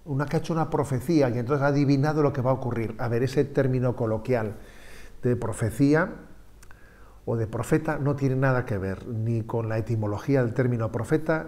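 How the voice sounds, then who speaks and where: A bishop gives a catechism lesson in a calm, explanatory way. His voice is mellow and mid-pitched. He drops little "eh" and "¿no?" checks as he goes. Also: brisk. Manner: explanatory, with frequent "eh" and "¿no?" asides. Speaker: bishop giving catechism talks. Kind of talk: catechetical talk.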